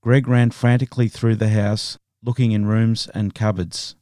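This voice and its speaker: A man hosting a podcast, narrating a true crime story in a steady, measured way. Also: lowish voice, dry recording, studio quality. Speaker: podcast host.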